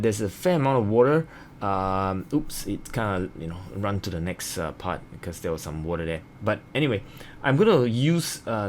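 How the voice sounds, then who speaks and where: A man's voice: fairly low pitch, darkish tone, slight background noise. A man giving a casual watercolor tutorial as an art instructor, explaining in an informal, hesitant, meandering way.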